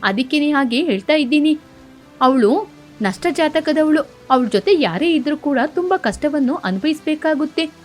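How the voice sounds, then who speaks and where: A woman's voice: high-pitched, expressive, normal speed, faint music behind. Hasini, a woman voicing a cruel rich young wife. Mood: scornful. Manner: sneering, haughty. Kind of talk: cartoon story voice acting.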